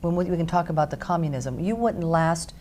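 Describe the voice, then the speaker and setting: A woman hosts a talk radio interview with a low, mellow voice. She drives her points home in rhythmic lists, pausing with fillers before pushing on. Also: slight background noise. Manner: emphatic, stacks points in lists. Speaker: radio show host.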